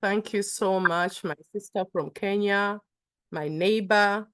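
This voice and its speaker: A woman's voice: mid-range voice, slow, a bit bright, smooth. A woman moderating an online panel, speaking with frequent fillers and restarts. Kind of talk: webinar moderation. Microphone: video call.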